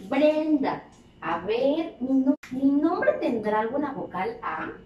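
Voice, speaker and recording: A woman teaching preschoolers, stretching out each word and asking sing-song questions. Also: high-pitched. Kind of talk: slow, exaggerated teaching to small children. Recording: echoey room, voice from a distance, faint background noise.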